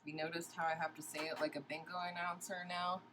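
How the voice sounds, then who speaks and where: A woman's voice: lowish voice, flat delivery, fast talker, noisy background. A woman beauty vlogger chatting casually while doing a makeup tutorial and asking viewers questions.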